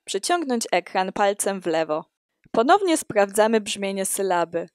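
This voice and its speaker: A woman reading a scripted walkthrough of an app in a steady, explanatory way. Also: medium pitch, a little slow, no room sound, clean studio sound. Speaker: student presenting an app.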